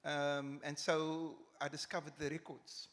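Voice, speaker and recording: A man, speaking as a panel guest at a festival, reflective and halting. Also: on the high side, little pitch movement, fairly bright tone. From Cape Town, South Africa. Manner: reflective, halting, with many restarts. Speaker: panel guest, criminology academic. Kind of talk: live panel discussion. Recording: hall with long reverb.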